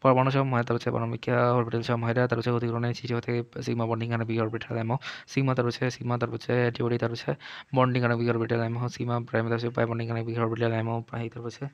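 A man teaching chemistry in a fast exam revision lecture, rattling through points one after another with the same connective phrase between items. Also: mid-range voice, completely flat delivery, clean tone, no echo, muffled recording. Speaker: chemistry tutor.

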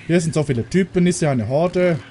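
A man's voice: fairly high pitch, a little fast, warm tone, a little hiss or hum. A man from Germany giving casual commentary while playing a video game, chatting to the characters and swearing when startled. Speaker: let's player.

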